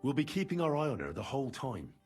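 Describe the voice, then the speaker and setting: An actor playing an earnest, reassuring young adventurer in naturalistic video game dialogue. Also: male voice, medium pitch, big pitch swings, fast talker, a little mellow, soft background music, natural voice.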